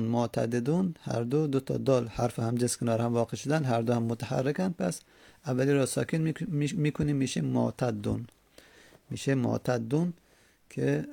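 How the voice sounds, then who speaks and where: A man teaching Arabic grammar, reading a text and slowly repeating word forms aloud. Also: medium pitch, creaky, dark tone, breathy edge, no room sound. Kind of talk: classroom lesson with text reading.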